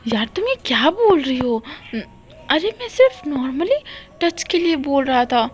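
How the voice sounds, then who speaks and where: A woman's voice: high voice, sing-song, a little slow, voice pushed up. A woman voicing a bewildered young man who suddenly hears other people's thoughts and struggles to explain. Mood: insistent.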